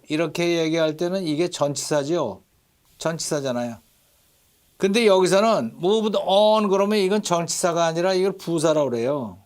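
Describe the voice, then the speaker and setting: A middle-aged man teaching an English lesson, slowly repeating English phrases and marking their stress. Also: high voice.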